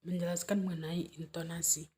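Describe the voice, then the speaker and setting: A young woman explaining a language lesson in a steady, methodical way, partly reading from notes and sometimes slipping and restarting. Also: lowish voice, a little fast. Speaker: teacher presenting a lesson.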